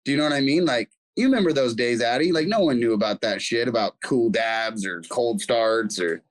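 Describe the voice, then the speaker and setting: A man guesting on a podcast, telling stories in animated, profane casual chat and acting out what others said. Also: medium pitch, a little fast, poor audio. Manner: animated storytelling with acted quotes and swearing.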